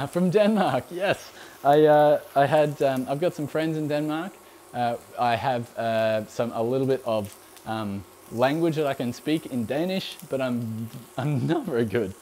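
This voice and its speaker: Speaking a little slowly in a mid-range voice, a young, mildly accented Australian host runs a live cooking stream and fields viewer questions. He rambles in a relaxed way with frequent ums and plenty of laughs, and there's slight background noise.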